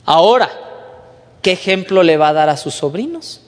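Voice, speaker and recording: Guy preaching, high voice, swoops up and down a lot, slow, echoey church hall. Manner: lively preaching, mimics whiny teen voices, drops low for emphasis. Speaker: youth pastor. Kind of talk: sermon.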